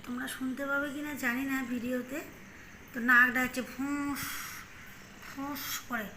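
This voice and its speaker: Chatty high-voiced woman vlogger. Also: little pitch movement, moderate pace, bright, forceful tone, a little hiss or hum, rough recording. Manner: rambling and chatty, with many fillers. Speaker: home vlogger. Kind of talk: casual chat to viewers. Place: at home indoors.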